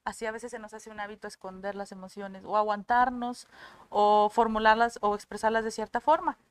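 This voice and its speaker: A woman's voice: medium pitch, fairly even intonation, fairly quick, smooth. A woman, a guest on a talk show, explaining feelings and acting out the voices she quotes. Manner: acts out quoted voices vividly.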